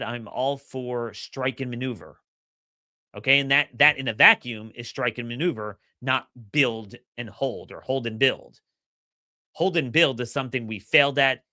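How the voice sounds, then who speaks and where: A middle-aged podcast host delivers solo political commentary in a slightly hoarse, bright, mid-range voice, energetic and forceful as he presses his opinions. He often stumbles and repeats words when starting sentences. The recording is dry and close, with no room sound.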